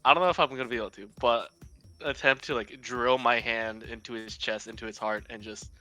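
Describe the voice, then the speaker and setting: Bright, forceful male tabletop player. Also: mid-range voice, fairly even intonation, fairly quick, soft background music. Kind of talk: casual role-play chat.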